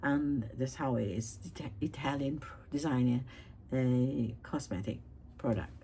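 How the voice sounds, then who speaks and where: Woman beauty vlogger, low pitch, meandering chatty delivery full of restarts. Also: measured pace, warm tone, a little hiss or hum, poor audio. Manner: rambling, chatty, many fillers and restarts. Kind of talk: casual makeup chat.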